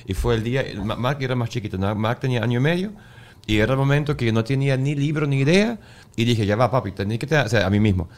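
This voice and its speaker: A man's voice: mid-range voice, quick pace. A man, a podcast host and father, responding to a guest with empathy and relating a story of his own. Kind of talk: conversational podcast chat.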